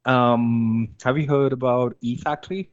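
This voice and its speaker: A young man from India, chatting casually as an interview guest, relaxed and hesitant with many fillers. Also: medium pitch, unhurried, no echo, highs cut off. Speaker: interview guest, amateur drifter.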